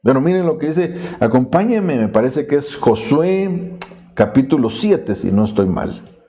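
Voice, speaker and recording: A man's voice: mid-range voice, big pitch swings, measured pace, mellow. A male pastor, preaching an earnest, explanatory sermon with frequent restarts.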